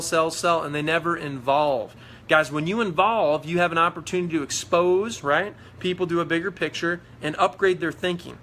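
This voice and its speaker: A man's voice: on the high side, pushed and bright, a little hiss or hum. Fired-up man on a motivational livestream. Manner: fired-up, preachy, repetitive. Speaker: network marketing leader. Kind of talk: motivational Facebook Live talk.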